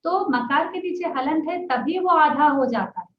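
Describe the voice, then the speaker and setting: A woman teaching pronunciation, patiently repeating and drawing out sounds and checking that her listeners follow. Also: sits high. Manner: patient, repeats sounds slowly, asks "है ना?" often. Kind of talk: spoken lesson, explaining and demonstrating sounds. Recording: echoey, distant, dull lo-fi sound.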